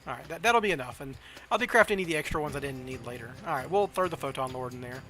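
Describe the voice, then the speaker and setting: Faint music plays behind a man from the southern United States with a Southern American accent, casually chatting on a livestream as a game streamer. He thinks aloud and second-guesses himself while playing a card game, his medium-pitched voice animated, rapid-fire, bright and forceful.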